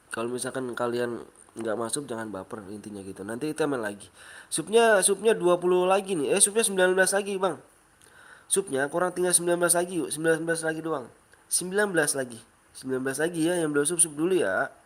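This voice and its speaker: A man with a Betawi Jakarta accent, sick with a cold, chatting casually while livestreaming a mobile game, reading viewer comments aloud and counting down quickly. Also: a little high, a bit bright. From Indonesia.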